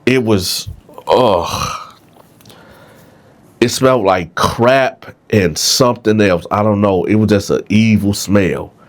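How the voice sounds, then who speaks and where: A vlog host with a congested, stuffed-up nose tells his channel's viewers a story in a casual, conversational way. His voice is lowish and his pace slow, and he keeps checking in by asking "right?"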